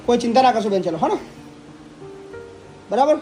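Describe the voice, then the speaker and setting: High-voiced man consoling and questioning. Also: expressive, fairly quick, darkish tone, faint music behind. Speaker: vlogger running an old-age home. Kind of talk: on-the-spot interview.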